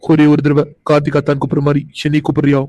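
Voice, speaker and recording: A man's voice: on the high side, monotone, racing, dark tone, no echo, close to an everyday voice, poor audio. A man voicing a pushy, coaxing young man. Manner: coaxing, insistent. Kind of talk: cartoon voice acting.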